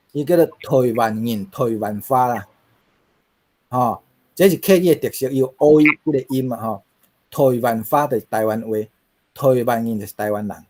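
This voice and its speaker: A man's voice: mid-range voice, a little mellow. A middle-aged man with a Taiwanese accent, giving a linguistics lecture to a class, asking rhetorical questions and using many fillers.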